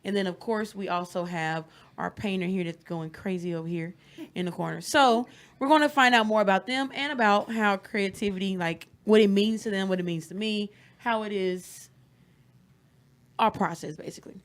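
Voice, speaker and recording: A woman's voice: mid-range voice, moderate pace. A woman from Mississippi hosting a podcast interview in a chatty, easy manner, laughing often and repeating words as she goes. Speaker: podcast host. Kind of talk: casual interview chat.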